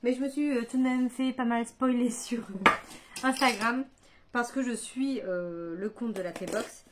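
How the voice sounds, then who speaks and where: A woman's voice: fairly high pitch, a little slow, very noisy. A woman chatting casually in a book vlog, hesitant and thinking aloud, full of fillers and restarts. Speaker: book vlogger. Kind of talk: casual chat.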